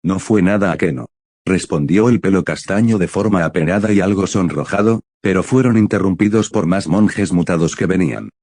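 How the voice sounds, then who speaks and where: Deep-voiced male story narrator. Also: brisk, few pauses, a little mellow, no echo, clean studio sound. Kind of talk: scripted narration of a fantasy fan story.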